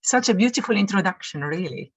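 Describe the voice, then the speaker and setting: A woman in the audience giving a comment on a video call, halting and repeating words as she speaks. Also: medium pitch, lively intonation, breathy edge, no room sound, muffled recording. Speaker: audience member.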